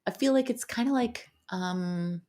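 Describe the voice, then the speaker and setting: A woman's voice: a little high, measured pace, darkish tone. A middle-aged woman co-hosting a podcast, chatting casually in a dry, teasing, matter-of-fact way. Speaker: podcast co-host. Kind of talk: casual chat.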